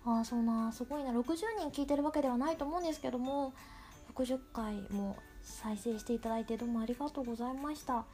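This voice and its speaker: A woman's voice: a little high, quick pace, dark tone, faint music behind. A woman podcast host with a cute, girlish anime-style voice, talking casually and rambling in a playful, self-deprecating way. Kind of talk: casual solo podcast talk.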